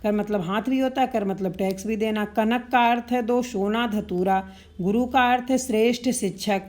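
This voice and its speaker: A woman's voice: a little high, fairly even intonation, normal speed, a little mellow. A woman teaching Hindi synonyms and spelling for exams, running through word pairs and checking in with "ठीक है" as she goes. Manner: repetitive, drilling word pairs with frequent "ठीक है". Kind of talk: explanatory exam-prep lesson.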